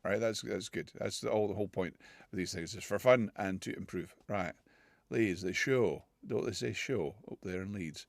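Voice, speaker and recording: This UK vlogger attempts various accents in a lighthearted comedy clip, laughing at himself and chatting between tries, talking loosely in stops and starts as he moves in and out of accents. His lowish voice is creaky at a moderate pace, and the studio recording is dry.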